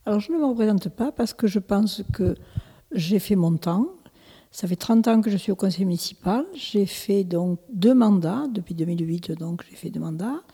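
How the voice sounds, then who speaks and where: Her mid-range voice is mellow with a breathy edge and a moderate pace, echoing in a large hall. She's a woman in her seventies, born in Italy, serving as a village mayor and answering local interview questions with hesitation, frequent restarts and fillers.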